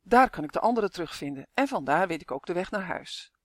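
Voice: mid-range voice, lively intonation, fast talker, dry recording, clean studio sound, lightly acted. A narrator doing a worried young boy. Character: anxious, hesitant young boy.

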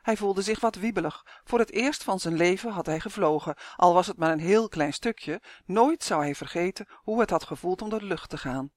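A woman's voice: on the low side, no room sound, studio quality. Woman reading a children's story aloud. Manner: measured, expressive storytelling. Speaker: narrator. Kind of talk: audiobook narration of a children's story.

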